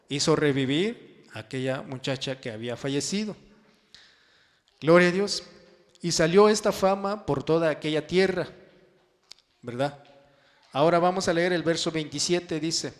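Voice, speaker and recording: A man preaching a sermon and reading scripture, drawing his phrases out with emphasis and sudden soft drops. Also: fairly high pitch, moderate pace, pauses often. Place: church hall. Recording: long church-hall reverb.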